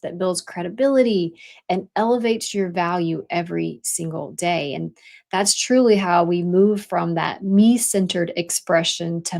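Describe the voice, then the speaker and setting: A woman's voice: mid-range voice, darkish tone. A woman co-hosting a business podcast who speaks emphatically and repeats key points for effect. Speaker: podcast co-host. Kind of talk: casual business podcast chat.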